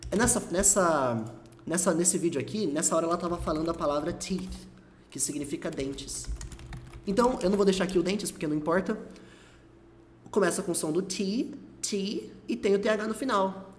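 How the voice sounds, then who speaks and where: A man from Brazil giving a casual video lesson on English pronunciation, lively and repeating example words slowly to demonstrate. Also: high-pitched, a little hiss or hum. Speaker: English teacher.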